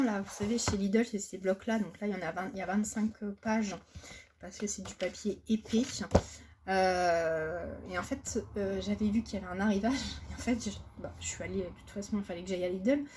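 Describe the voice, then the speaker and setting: A woman's voice: mid-range voice, warm tone, slight background noise. Chatty French woman showing craft buys. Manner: hesitant, many fillers and restarts. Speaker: crafting haul vlogger. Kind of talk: casual chat.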